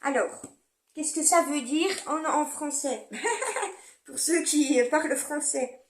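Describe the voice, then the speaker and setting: Slow-talking, high-voiced woman card reader. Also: slight background noise. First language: French. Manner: chatty, rambling, with frequent fillers and little laughs. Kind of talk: casual spoken card reading.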